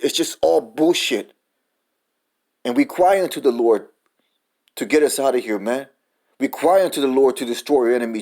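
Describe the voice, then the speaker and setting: A man's voice: fairly high pitch, darkish tone. A man preaching an informal sermon, cursing and stumbling over repeated words, often ending lines with "man" as he reads scripture and definitions. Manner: profane, repetitive, says "man" often.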